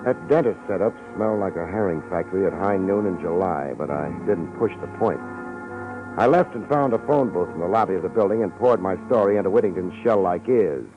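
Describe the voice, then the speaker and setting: Speaking a little fast in a deep, animated voice, a man narrates as a tough, wisecracking private investigator in a vintage radio play. His tone is wry and sardonic, heavy on hard-boiled slang, and the old recording comes through muffled with music behind it.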